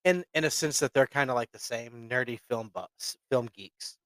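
A man's voice: mid-range voice, moderate pace, fairly bright tone, no room sound. A man co-hosting a podcast, talking casually and rambling a bit. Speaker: podcast co-host. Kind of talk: casual chat.

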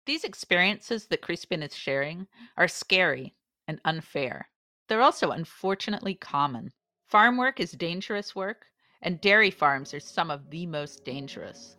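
A woman's voice: lowish voice, expressive, normal speed, bright, forceful tone, no room sound, clean studio sound. A woman reporting in scripted podcast narration. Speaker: podcast reporter, campaigns manager.

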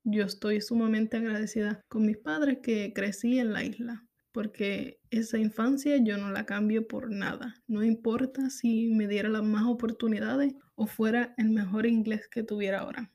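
A Puerto Rican woman in her thirties talks candidly to her podcast listeners, thinking out loud and repeating herself as she goes. Her voice sits a little high but has a dark, mellow tone with a gravelly edge. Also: steady tone, normal speed, hardly any pauses. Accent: Puerto Rican Spanish. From Puerto Rico. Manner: candid, reflective, repeats phrases. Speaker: podcast host. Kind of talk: personal monologue.

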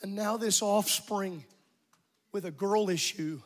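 A middle-aged man, a pastor, preaching an evening sermon, building to shouts with quick asides. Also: high-pitched, big-room sound. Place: church sanctuary.

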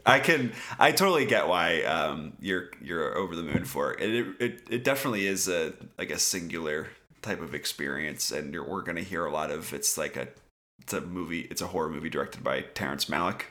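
A man's voice: very deep voice, a little fast, pushed and bright. A man co-hosting a podcast, chatting casually about festival films and rambling with many restarts. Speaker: podcast co-host. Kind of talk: casual film review chat.

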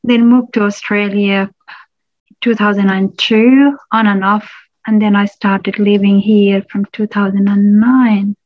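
A woman's voice: mid-range voice, level tone, a little slow, no room sound. Woman from nepal telling her story, stops and restarts a lot, um's, muffled dry recording. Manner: reflective, with frequent restarts and "um"s. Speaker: public health lecturer, interview guest. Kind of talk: personal storytelling interview.

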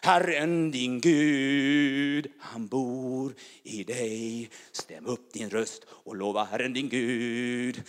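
A man preaching in a charismatic style, chanting repeated phrases that swell into loud proclamations, then speaking softly and personally. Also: mid-range voice. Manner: rhythmic chanting repetition, rising to shouts. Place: church hall. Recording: long hall reverb.

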